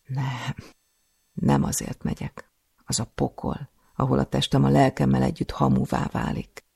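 A man voicing a frightened captive girl who refuses quietly in a low, gravelly voice. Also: big pitch swings, heavily acted. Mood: fearful.

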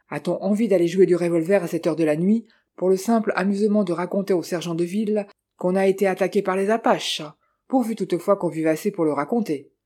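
A reader voicing a short, gruff older count who is brusque and scheming. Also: medium pitch, mellow, natural voice.

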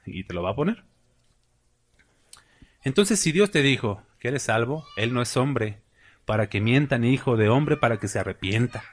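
This Mexican Spanish-speaking preacher uses a mid-range voice with lively intonation, speaking at a normal pace and pausing often. His sermon feels conversational and emphatic, with questions for the congregation, folksy humor, and casual asides.

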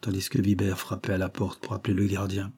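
Lecteur homme de livre audio, narration posée, timbre chaud et voilé. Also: male voice, low-pitched, completely flat delivery, fast talker, vocal fry, warm tone, husky. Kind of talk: scripted literary narration.

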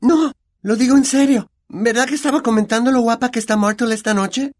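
A man with a Latin American Spanish accent voicing a clever, bossy schoolgirl who talks in a brisk, earnest way. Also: very high-pitched, voice pushed up. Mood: flustered. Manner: brisk, earnest, a bit know-it-all.

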